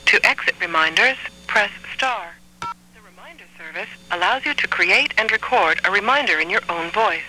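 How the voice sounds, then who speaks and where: A woman reading scripted phone menu prompts as an automated voicemail voice, in measured, clearly segmented instructions over a telephone line. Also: mid-range voice, sharp tone.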